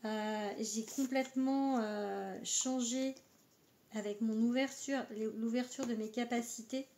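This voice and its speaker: A woman's voice: fairly high pitch, fairly even intonation, slow, darkish tone. A woman giving a casual astrology card reading, talking hesitantly with many filler words. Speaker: oracle card reader.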